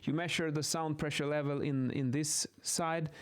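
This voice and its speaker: Here the man's voice sits a little high, steady in tone, clear and resonant, at a normal speed. An acoustics instructor, he sketches while improvising a casual explanation of measurement methods, talking through his thoughts and correcting himself.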